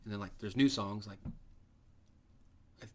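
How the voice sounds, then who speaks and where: A man's voice: lowish voice, measured pace, slight background noise. A young man co-hosting a podcast, chatting in a rambling, profane way. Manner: profane, rambling, bursts into loud laughing voices. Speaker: podcast co-host. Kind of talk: casual chat.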